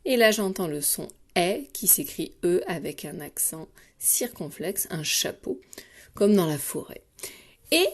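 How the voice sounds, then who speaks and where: A woman teacher giving a dictation lesson to young children, speaking clearly and patiently and addressing the child directly. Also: on the low side, big pitch swings, measured pace. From France. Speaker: primary school teacher.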